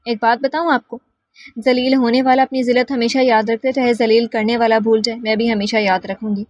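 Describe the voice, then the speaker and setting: Woman reading as proud young med student, cold cutting replies, bit high voice. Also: level tone, a little mellow, no echo, muffled recording, natural voice. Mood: bitter.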